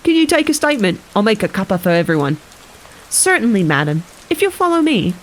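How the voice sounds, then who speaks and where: Young male desk sergeant, as a woman reads him, polite, flustered, stammering, lively pitch. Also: a little fast, lightly acted.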